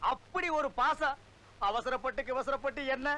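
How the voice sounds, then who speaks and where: A man's voice: very high voice, normal speed, pushed and bright. An actor playing a middle-aged village sorcerer who scolds and mocks his helpers in a film comedy. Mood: ranting. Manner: mocking, ranting.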